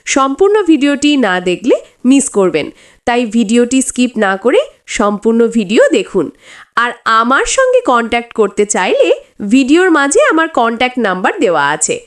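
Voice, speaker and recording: A woman narrating a romantic story in the first person, with a dreamy, confiding manner. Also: sits high.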